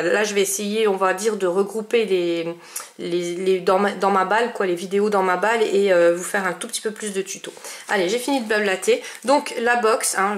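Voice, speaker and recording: A woman chatting casually about the crafting mail she received, with many fillers and restarts. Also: medium pitch. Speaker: scrapbooking vlogger. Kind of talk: casual chat showing mail.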